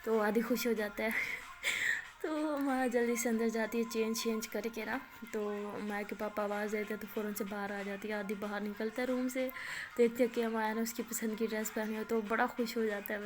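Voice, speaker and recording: Chatty woman telling a love story. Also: a little high. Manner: chatty, many filler words. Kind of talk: casual spoken storytelling.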